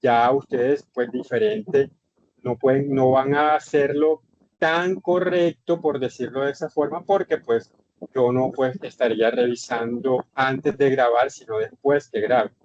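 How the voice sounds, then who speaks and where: Slow, emphatic man teaching online. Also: mid-range voice, steady tone, darkish tone, a little hiss or hum. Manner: repetitive, emphatic explaining. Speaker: English instructor. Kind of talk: online class lecture. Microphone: computer mic in online session. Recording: dull lo-fi online session audio.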